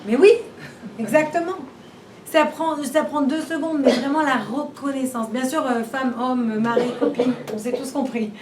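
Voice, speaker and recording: A woman's voice: high-pitched, steady tone, moderate pace, darkish tone. A woman giving an informal class, chatty and full of rhetorical questions, repeating and restarting as she talks. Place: room where she teaches a class. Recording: roomy and distant, faint background noise.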